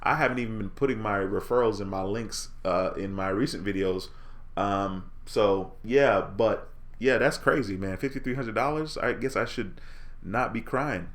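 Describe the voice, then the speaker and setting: Hosting a casual live stream at a moderate pace, a low-voiced man from Jamaica stays relaxed and friendly, reading out viewers' comments and responding to each.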